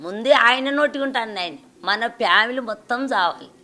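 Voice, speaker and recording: A woman's voice: a little high, a little fast, bright, forceful tone. An older woman with a Telangana Telugu accent, grief-stricken, lamenting and repeating herself as she tells of losing her daughter. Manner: lamenting, repeats phrases, sobbing laughs. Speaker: victim's mother. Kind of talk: grieving interview.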